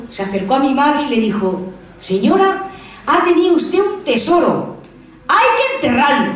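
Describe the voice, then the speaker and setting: A woman performing a self-mocking stand-up comedy monologue on a live stage, with punchy joke delivery. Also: sits high. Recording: very echoey room, voice from far off.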